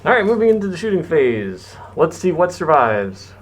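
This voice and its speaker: Muffled, higher-pitched male commentator in a mask. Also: very animated, normal speed. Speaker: match commentator. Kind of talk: casual live tabletop game commentary.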